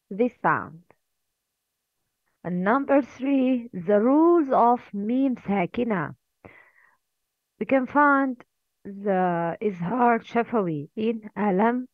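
A woman teaching Quran recitation rules, speaking slowly and repeating each sound for her students. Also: medium pitch, expressive, dry recording. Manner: slow, deliberate, repeats sounds for learners. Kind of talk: slow language lesson. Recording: dry, tinny phone-like sound.

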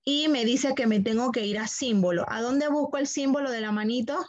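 A woman's voice: a little high, brisk, highs cut off, slight background noise. A woman teaching a computer class online, walking students through steps patiently, repeating them and checking that they follow.

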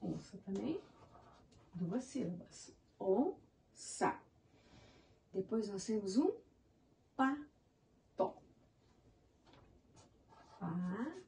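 A woman's voice: medium pitch, big pitch swings, slow, vocal fry, long pauses, warm tone, far from the mic, slight background noise. A woman teaching young children in Brazilian Portuguese, counting syllables of animal names and praising them as she goes. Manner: encouraging, spells words out in syllables. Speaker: primary school teacher.

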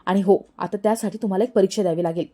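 A woman's voice: mid-range voice, steady tone, racing, dark tone, natural voice. A woman reading as a stern old female guru. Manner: reproachful, commanding.

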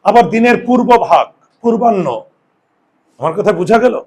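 A man's voice: sits high, lively intonation, moderate pace, darkish tone, husky. A male Bengali grammar teacher giving a classroom spelling lesson, explaining step by step and answering his own questions, with students in the room.

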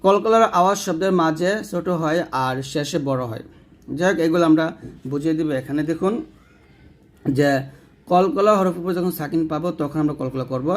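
A man teaching Quran recitation rules, patiently repeating points and drilling syllables slowly. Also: on the high side. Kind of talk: tajweed lesson, spelling out letters.

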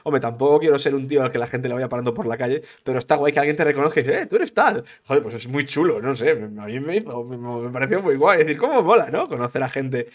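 A man talks through a solo podcast episode in a loose, rambling way. His voice sits at an ordinary middle pitch. He trips over his words, restarts phrases and swears freely as he chats. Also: quick pace, hardly any pauses. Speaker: podcast host, gaming streamer. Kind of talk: casual solo podcast monologue.

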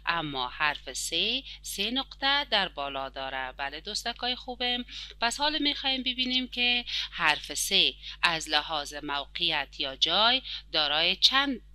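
A woman with an Afghan Dari accent teaching a children's lesson, stretching out words slowly for young pupils. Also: sits low, pushed and bright. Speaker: primary school teacher.

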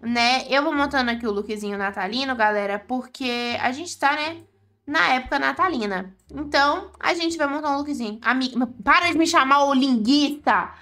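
A woman's voice: high voice, moderate pace, pushed and bright. A woman with a Brazilian Portuguese accent giving chatty, exclaiming gameplay commentary to her viewers as the host of a gaming channel.

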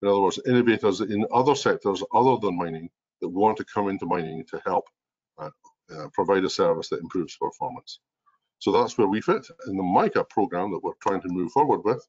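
Deep-voiced older man, strong Scottish accent. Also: a little fast, darkish tone. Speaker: organization president and chief executive, presenter. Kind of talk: explanatory business webinar presentation. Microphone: video call computer mic. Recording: dull, lo-fi video call audio.

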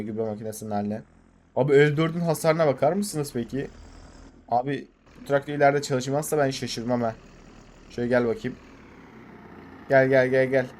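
A young Turkish man commenting on his farming game in a casual, excitable way, swearing and urging his tractor on. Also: medium pitch. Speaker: gaming channel host.

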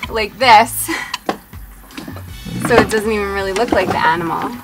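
A woman in her thirties, chatting casually on a boat with a quick, filler-heavy flow. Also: medium pitch, loud music behind the voice, low-quality recording. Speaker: sailing vlogger. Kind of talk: casual chat.

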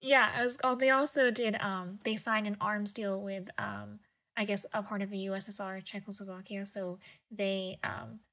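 A woman on a history podcast explains events in a casual, hesitant way and fills her pauses with ums. Her pitch is middling and stays very flat. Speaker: podcast co-host.

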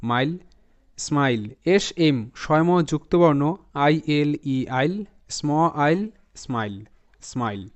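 A man with a Bengali accent teaching English reading, spelling words out letter by letter and repeating them slowly. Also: on the high side, clean tone. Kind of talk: spelling and pronunciation lesson. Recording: slightly dull lo-fi recording.

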